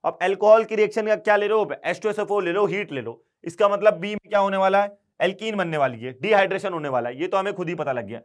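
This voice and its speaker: A man teaching chemistry exam problems, urging students along with quick repeated questions and answers. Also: high voice. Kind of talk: exam problem-solving lesson.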